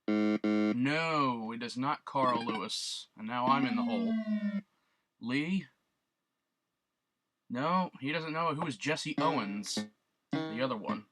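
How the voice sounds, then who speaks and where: A let's play gamer casually comments on a retro quiz game, reading the clues aloud and joking about his guesses. He has a medium-pitched voice, speaks slowly, and leaves long pauses. Loud, beeping chiptune game music plays behind his voice.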